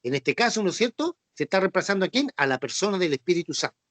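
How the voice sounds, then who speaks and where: A patient Chilean man teaches a Bible class, explaining passages and asking quiz questions in Chilean Spanish. His voice is high-pitched, very animated, quick and a bit bright, recorded dry. He repeats himself often and keeps checking in with "¿no es cierto?" and "ya."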